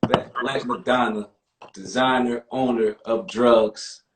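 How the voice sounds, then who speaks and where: A man's voice: medium pitch, steady tone, slow, echoey room, noisy background. A man hosting a live interview stream, laid-back and full of slang, encouraging his guest. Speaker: host.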